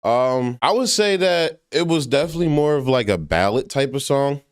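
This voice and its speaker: A man's voice: medium pitch, lively intonation, moderate pace, clear, resonant tone, no echo, clean studio sound. A man reacting to and reviewing music in a casual, slangy way, full of fillers. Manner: laid-back and slangy, heavy with fillers.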